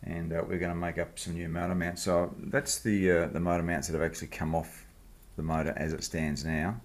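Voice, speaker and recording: A man's voice: low voice, level tone, a little fast. An Australian man hosting a casual hands-on video in his workshop, explaining the job in a laid-back, blokey, informal way. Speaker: host of a machining project video series. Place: home workshop.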